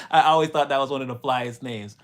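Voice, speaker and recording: A man's voice: medium pitch, normal speed, fairly bright tone. A man from Montreal, Canada, hosting a casual livestream, rambling in a slangy way and laughing often as he answers his chat.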